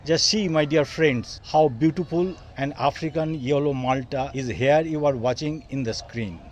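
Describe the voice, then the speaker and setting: Speaking at normal speed in a fairly high voice, a Bengali-accented gardening channel host in his sixties leads an earnest, casual tour of his rooftop garden. He calls his audience "dear friends."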